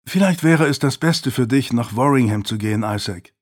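A man voicing a gentle, pleading middle-aged aunt in an audiobook reading. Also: mid-range voice, expressive, moderate pace, natural voice. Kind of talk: audiobook character voice.

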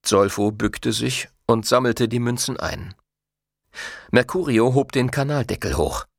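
A man's voice: mid-range voice, measured pace, vocal fry, breathy edge, no room sound, clean studio sound. A man narrating a novel as an audiobook, reading expressively. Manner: expressive storytelling. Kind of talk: scripted narration.

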